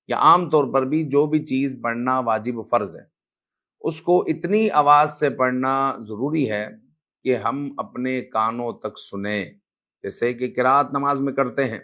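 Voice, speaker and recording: A man's voice: medium pitch, pushed and bright. A man giving a religious lesson, explaining step by step and reciting verses aloud as examples. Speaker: religious teacher.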